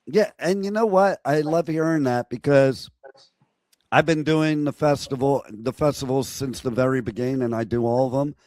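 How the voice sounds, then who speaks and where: Male radio host, hoarse and worn-out voice, casual interview chat, close dry sound. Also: medium pitch, moderate pace, darkish tone, no echo. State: hoarse, lost voice.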